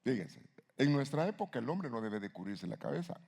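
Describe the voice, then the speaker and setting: A male pastor preaching a sermon, with sudden loud rises and rhetorical questions to the congregation. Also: medium pitch, very animated, brisk, vocal fry, slightly rough.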